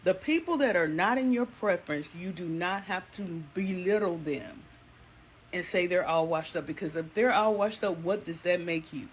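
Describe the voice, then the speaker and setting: A speaker lectures calmly in a short casual video clip, at a middle pitch. A faint hiss of ambient noise sits behind the voice. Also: normal speed.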